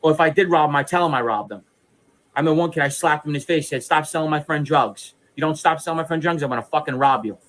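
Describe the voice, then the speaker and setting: Speaking fast in a fairly high, bright voice, a New York City man in his 30s, once a mobster, launches a defiant personal monologue on video. He is boastful and profane, insisting on his points bluntly.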